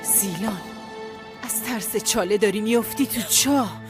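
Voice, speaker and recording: An actress voicing a middle-aged mother who scolds and warns her headstrong daughter, hushing her sharply. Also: mid-range voice, music in the background, natural voice. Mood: scolding. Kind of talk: TV drama dub.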